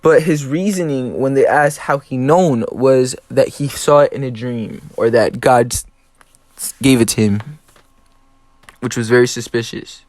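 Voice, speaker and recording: Young male presenter, middle pitch, dry close recording, matter-of-fact. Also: measured pace, darkish tone, no echo. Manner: matter-of-fact, list-like delivery. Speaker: student co-presenter. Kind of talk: reading prepared notes.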